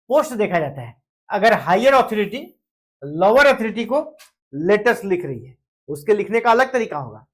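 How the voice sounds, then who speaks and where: A woman gives an exam coaching lecture at a middling pitch. She explains each point step by step, keeps checking in with the listener, and briefly acts out example phrases in different tones. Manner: explains with repeated fillers and acted-out example phrases. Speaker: teacher.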